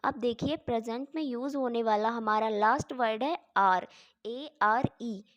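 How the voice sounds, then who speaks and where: A woman's voice: fairly high pitch, unhurried, dry recording, highs cut off. A woman teaching English grammar in Hindi, spelling words out letter by letter and asking questions she then answers herself.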